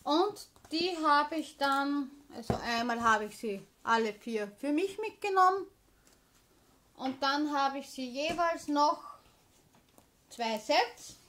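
A woman's voice: high voice, lively intonation, takes it slowly, fairly bright tone. A woman chatting casually as a vlogger, showing purchases in an informal, explanatory manner. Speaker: craft haul vlogger.

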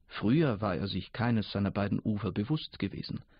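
A man narrating a fable in a measured storytelling reading for radio, in a dull lo-fi recording. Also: lowish voice, expressive, husky, no room sound.

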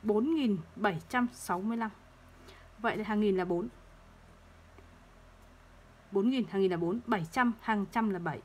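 A woman teaching third-grade math, explaining place values slowly and patiently and repeating each number. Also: medium pitch, a little hiss or hum. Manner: slow, patient, repeats numbers to drill them.

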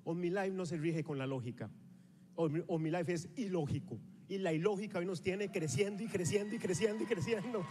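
A man in his forties from Costa Rica, with a Costa Rican Spanish accent and a high voice, delivers an energetic motivational talk at a sales rally, speaking a little fast. Handheld mic in hand, he strides the stage of a big convention hall before a live audience, gesturing as he rallies them. The hall sounds reverberant and the background is noisy.

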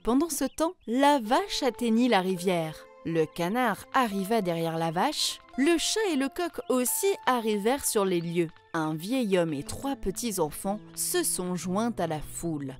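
A woman narrating a children's fairy tale in a clear, measured way. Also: medium pitch, very animated, soft background music.

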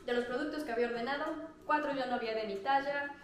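A young woman speaks fast in a high-sitting voice with a Mexican Spanish accent. Bubbly and talkative, she gestures and laughs often while reviewing activewear for her vlog. A clip-on lapel mic captures her in a small, very echoey room at home.

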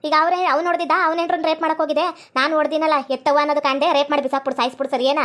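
A woman's voice: high-pitched, flat delivery, racing, fairly bright tone. Woman playing a wailing forties village mother. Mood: scolding. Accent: North Karnataka Kannada. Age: 40s. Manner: wailing, scolding, repeated rhetorical questions. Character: distraught middle-aged village nurse-mother, furious at her son. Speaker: actress in a village skit.

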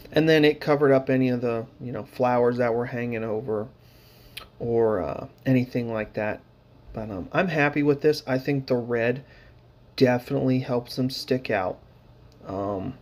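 A man's voice: mid-range voice, darkish tone. Casual rambling man, dry sarcasm. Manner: rambling, filler-heavy, dry sarcastic humor. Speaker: hobby painting vlogger. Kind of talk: casual narration over hobby footage.

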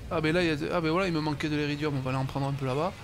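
A man's voice: on the high side, fairly even intonation, rapid-fire, noisy background. A man giving casual gaming commentary, muttering to himself and swearing offhandedly. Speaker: let's play host.

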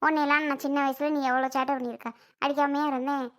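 A woman's voice: high-pitched, level tone, rapid-fire, a bit bright. A woman doing a fussing, scolding old grandmother. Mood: protective. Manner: fussing, lecturing, with dramatic sighs. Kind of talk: family comedy skit acting.

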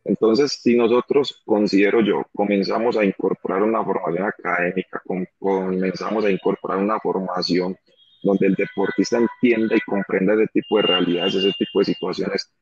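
A man's voice: deep voice, steady tone, moderate pace, breathy edge. A man in his thirties with a Colombian accent, an athlete speaking earnestly as an interview guest and repeating phrases for emphasis. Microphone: phone or webcam on a video call. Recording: dull lo-fi video call audio.

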